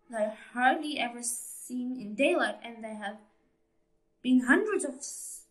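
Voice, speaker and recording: A woman voicing a formal male TV newsreader in a storybook reading, with a bright, fairly high voice. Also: poor audio. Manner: formal news-bulletin delivery.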